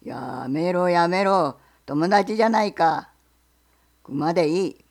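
A woman voicing a big, lonely male bear with a gravelly, booming voice and a bossy manner in a picture-book reading. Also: lively intonation, slow pace, exaggerated voice. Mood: gruff. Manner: bossy and loud. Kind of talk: picture-book read-aloud.

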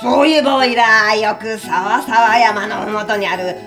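A woman voicing a folksy, friendly and hungry male wolf in a storybook reading, with rough slangy speech and a gravelly voice. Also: a little high, fairly even intonation, normal speed, music in the background, lightly acted. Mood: eager.

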